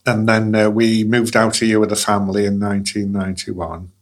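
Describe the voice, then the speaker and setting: A man in his sixties with a fairly low voice. He speaks in a measured way and sometimes restarts his sentences while telling his story in an interview. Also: completely flat delivery. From England. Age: 60s. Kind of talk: conversational interview.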